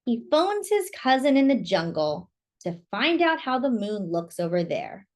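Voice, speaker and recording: With a fairly high voice and lively, expressive intonation, a woman storyteller works through a children's picture book at an unhurried, slightly slow pace. Along the way she chats with her young listeners and asks them questions.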